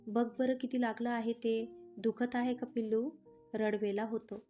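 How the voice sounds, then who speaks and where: A woman voicing a young husband who flares up quickly but dotes on his wife, in a romantic audio story. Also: on the high side, little pitch movement, dark tone, faint music behind, close to an everyday voice. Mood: doting. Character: young husband, hot-tempered but doting.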